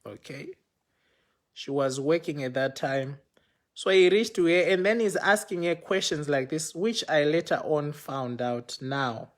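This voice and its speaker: A man's voice: fairly high pitch, unhurried. A man casually telling a personal story to viewers, acting out the dialogue and using many fillers like "you know" and "okay". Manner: animated, acts out dialogue in retelling.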